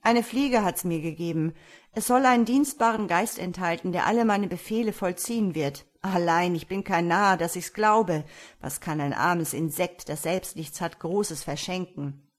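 Woman reading Mistifax, loud young peasant. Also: on the low side, moderate pace, close to an everyday voice. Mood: exclaiming. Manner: loud, exclaiming. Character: young male peasant, fretful, sly.

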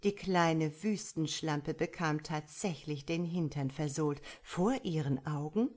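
A woman narrating a story as an audiobook reader in a calm, measured way. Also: low-pitched.

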